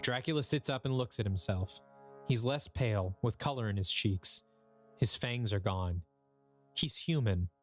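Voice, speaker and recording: A man's voice: fairly low pitch, measured pace, faint music behind. A man hosting a podcast, giving a casual recap of a story. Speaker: podcast host.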